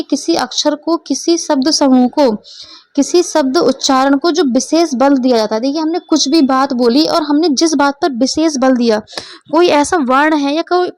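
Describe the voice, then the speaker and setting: A woman teacher walks through an exam-prep lesson one step at a time and keeps pausing to ask whether everyone follows. Her voice sits high. The recording is close and dry, with no room sound. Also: no room sound. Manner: explains step by step, often checks understanding.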